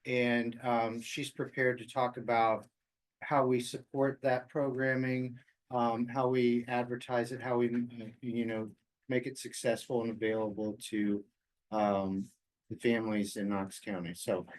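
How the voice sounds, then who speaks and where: Halting mid-pitched American man at a meeting. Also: flat delivery, poor audio. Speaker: county agency official. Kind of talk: informal remarks at a public meeting.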